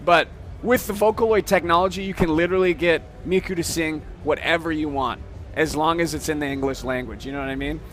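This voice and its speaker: A man giving a casual, step-by-step software demo at a trade show, often checking in with "okay?". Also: on the high side, a little fast, faint music behind. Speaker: software demonstrator.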